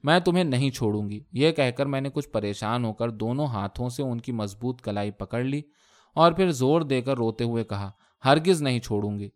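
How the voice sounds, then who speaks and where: An emotional young bride from a read-aloud story pleads and scolds with feeling, as a male reader puts her on. Her voice sits at a middling pitch, nothing exaggerated. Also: expressive, a little mellow, lightly acted. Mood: tearful. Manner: impassioned, scolding pleas.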